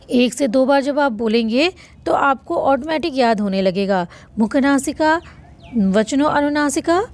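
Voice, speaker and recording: Slow, high-voiced woman teacher. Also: a little mellow, slight background noise. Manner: patient, repeats rules, asks and answers own questions; stretches vowel sounds to demonstrate length. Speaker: Sanskrit grammar teacher. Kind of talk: online lesson explaining notes.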